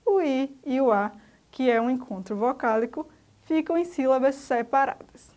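A Brazilian woman teaching a recorded grammar lesson, her voice sitting high. She speaks slowly and didactically, naming each letter one at a time for young pupils. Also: darkish tone. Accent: Brazilian Portuguese.

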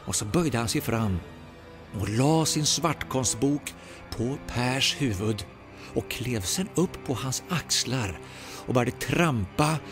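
A man from Sweden telling a ghost story aloud, dramatic with slow, suspenseful pauses. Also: mid-range voice, expressive, over music. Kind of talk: oral ghost story narration.

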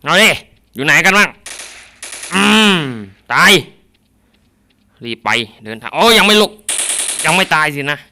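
A man chats and jokes his way through a mobile zombie shooter, now and then yelling mock battle cries. His voice sits a little high and sounds bright and forceful. A faint hiss and tapping clicks run under the close mic. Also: big pitch swings, unhurried, long pauses. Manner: jokey, shouts and mock samurai lines mid-play. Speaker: mobile game streamer. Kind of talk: playful gameplay commentary.

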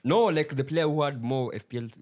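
A man's voice: medium pitch, brisk, a little mellow. A young man with a Kenyan accent chatting casually as a panelist in a football debate. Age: young adult. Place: small indoor podcast studio. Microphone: close podcast microphone with headphones.

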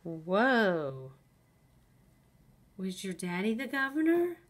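Slow, husky woman coaxing a ghost. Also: medium pitch. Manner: coaxing, soothing, repeated gentle questions. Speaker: paranormal investigator running a spirit session. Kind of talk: talking to a ghost.

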